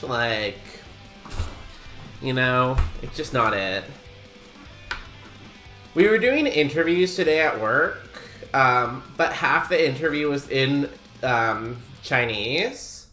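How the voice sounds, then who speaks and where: A young Canadian streamer with a sharp-toned, mid-range voice plays a video game while casually chatting with his audience. He rambles and pokes fun at himself with lots of ums and likes, and the recording has a roomy echo with faint music behind.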